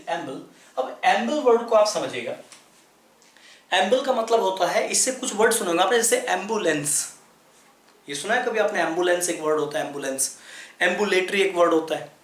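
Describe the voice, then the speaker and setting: A man explains English vocabulary in Hindi in a repetitive, classroom manner. His voice sits high for a man. The room adds a noticeable echo. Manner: repetitive, explanatory, spells words letter by letter. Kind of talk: explaining lesson in Hindi at a chart.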